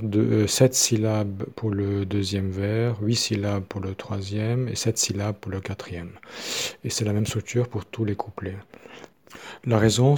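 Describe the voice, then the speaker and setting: A man explaining the syllable meter of a hymn, slow and methodical, with many fillers as he counts syllables aloud. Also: fairly low pitch, darkish tone. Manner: halting, with many "euh" fillers. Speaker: teacher of a hymn.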